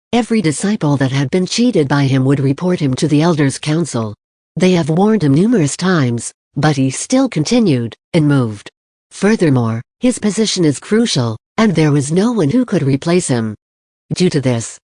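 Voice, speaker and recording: A narrator reading a fantasy novel aloud in a steady, plain storytelling manner. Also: mid-range voice, no echo, studio quality. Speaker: audiobook narrator. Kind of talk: audiobook narration.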